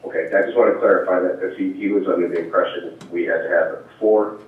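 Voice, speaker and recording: A board member dials into a meeting and asks careful questions, hesitating, restarting and repeating words. His voice sits low with fairly even intonation and a quick pace, heard over an echoey, distant, phone-like line.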